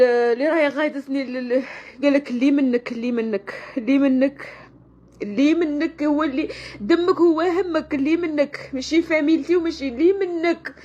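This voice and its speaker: A woman with a western Algerian Arabic accent, venting tearfully and in anguish in a personal vlog, repeating her phrases. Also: sits high. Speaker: online video creator. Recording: dull lo-fi sound with loud-ish noise.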